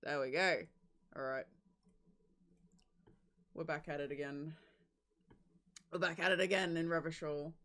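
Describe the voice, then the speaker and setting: A woman's voice: low voice, steady tone, a little slow, pauses often, a bit bright. Playful woman hosting a game stream. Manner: playful, laughs often. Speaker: streamer host. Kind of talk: casual gameplay commentary.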